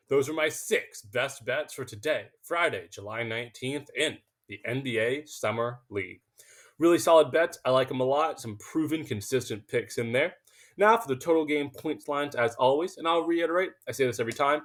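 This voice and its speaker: A man hosting a sports betting picks video, talking emphatically and confidently, sometimes tripping over his words. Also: medium pitch. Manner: emphatic, confident, self-assured; stumbles and restarts when excited. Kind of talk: casual betting picks monologue.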